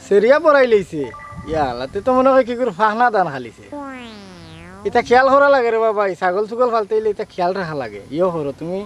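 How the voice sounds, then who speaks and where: A man's voice: high-pitched, lively intonation, quick pace, faint music behind. A man with a Sylheti accent playing a chatty, friendly village friend in a comedic drama.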